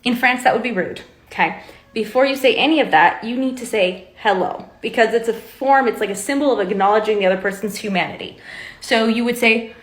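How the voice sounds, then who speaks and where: A woman's voice: on the high side, fairly quick, roomy sound. A young woman casually explaining to camera, chatty and candid with a lightly sarcastic edge. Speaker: vlogger.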